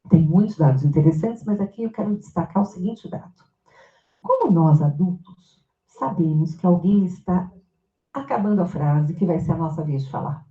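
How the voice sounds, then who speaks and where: Woman lecturer, engaging and questioning, recorded in an echoey amphitheater. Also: on the low side. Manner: engaging, asks the audience questions. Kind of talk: academic lecture. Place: university amphitheater. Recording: echoey hall, tinny phone-like sound.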